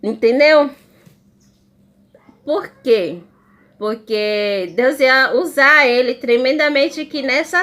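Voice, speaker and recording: A woman's voice: sits high, a bit bright. A woman giving an emotional religious testimony as a missionary, in a fervent, repetitive storytelling manner.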